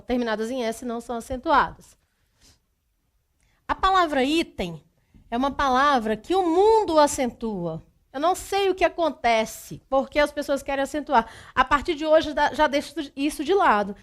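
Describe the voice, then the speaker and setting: A woman teacher giving an exam-prep grammar lesson. She goes through the rules step by step, repeats them and often checks in with the listener. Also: high voice. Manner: speaks straight to the student.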